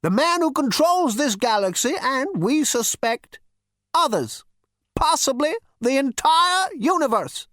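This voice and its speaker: A rasping, high, sing-song old male ghost out of a storybook, stern and tired of the living, as a woman reading aloud puts him on. The pitch climbs and swoops as he lectures. The sound is close and dry. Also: big pitch swings, unhurried, fairly bright tone, dry recording, exaggerated voice. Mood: solemn. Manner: lecturing, commanding. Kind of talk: audiobook character voice.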